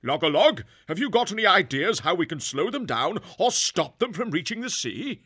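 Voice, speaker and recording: A man voicing a strong, calm male warrior beast who steadily lays out plans and gives orders, in a husky voice. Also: high voice, moderate pace, pitched above the performer's own voice, heavily acted. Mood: commanding. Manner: steady, commanding, laying out plans.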